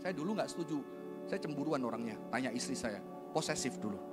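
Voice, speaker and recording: A man preaching a sermon in a lively, conversational way, tossing rhetorical questions and casual slang at the congregation. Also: mid-range voice, fast, loud music behind the voice. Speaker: pastor.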